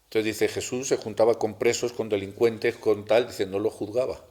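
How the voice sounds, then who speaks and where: A middle-aged man telling a personal story in a talk at a spiritual center, halting and restarting as he goes. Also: fairly low pitch, fairly even intonation, a little mellow. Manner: halting, with many restarts and rhetorical tags.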